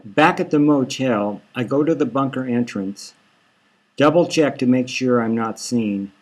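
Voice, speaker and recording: A man reading his own dark satirical novel aloud in dry, matter-of-fact first-person narration. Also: mid-range voice, measured pace. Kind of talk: audiobook narration.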